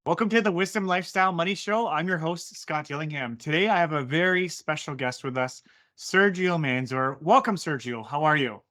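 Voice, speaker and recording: A man's voice: a little high, fairly quick, bright, forceful tone. An enthusiastic man hosting a podcast, welcoming and introducing his guest in an upbeat way. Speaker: podcast host.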